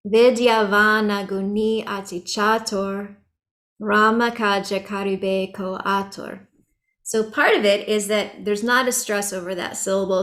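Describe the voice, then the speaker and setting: A woman teaching an online chanting workshop over a video call, chatty and relaxed with light laughs and many fillers. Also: medium pitch.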